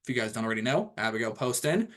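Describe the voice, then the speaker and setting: A man's voice: medium pitch, big pitch swings, racing, a bit bright. Rambling young man hosting a video call. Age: 20s. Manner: rambling, casual, lots of fillers and restarts. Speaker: host of an online training call. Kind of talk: casual self-introduction on a group call.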